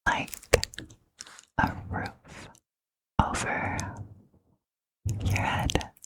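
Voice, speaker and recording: This is a breathy, gentle whisper from a woman doing chatty ASMR on an ear-to-ear stereo mic placed close. She talks in brief, halting bits, slowly, leaving long gaps between them.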